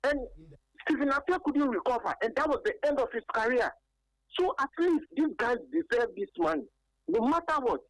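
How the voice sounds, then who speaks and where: A Ghanaian woman speaks over a clipped, narrow phone line as a call-in listener, her pitch rising and falling in lively swings. She argues earnestly and with emphasis, pausing on "um" now and then. The line sounds dry and close, with no room around her. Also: dry recording. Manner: earnest and emphatic, with many hesitations. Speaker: radio call-in caller. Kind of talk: call-in opinion on a sports show. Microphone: telephone.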